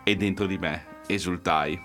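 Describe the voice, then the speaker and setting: Male narrator, low voice, lively anecdote telling over faint music. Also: measured pace. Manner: lively anecdotal, acts out quotes. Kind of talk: storytelling narration.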